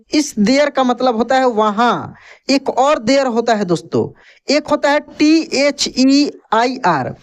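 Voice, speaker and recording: A man with a very high voice teaches English vocabulary, spelling out each word letter by letter. He then patiently repeats the word and its meaning, frequently checking in with the listener.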